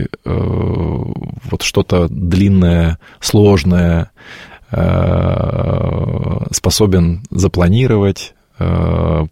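A man's voice: low-pitched, creaky, mellow, breathy edge, no room sound, studio quality. A man in his late forties giving thoughtful interview answers, stopping to search for words and restarting his sentences. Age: 40s. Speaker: guest.

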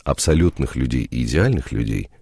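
A man with a rumbling low, darkish, gravelly voice hosts a radio programme, sounding nasal because he's sick with a cold. He talks fairly quickly with lively intonation and theatrical, ornate phrasing, yet the presenting and studio chat feel unhurried. The studio-microphone recording is studio quality with no room sound.

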